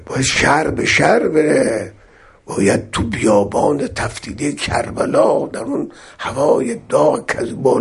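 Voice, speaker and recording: Man giving a sermon, gravelly and really raspy, voice goes up and down a lot, loud bits then quiet quoted verses. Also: medium pitch. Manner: shifts between loud exclamations and soft recitation of scripture. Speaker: preacher.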